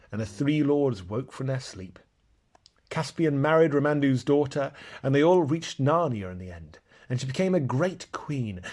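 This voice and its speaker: A man reading a children's storybook aloud, slow and expressive, with a soft-spoken delivery. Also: medium pitch. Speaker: narrator.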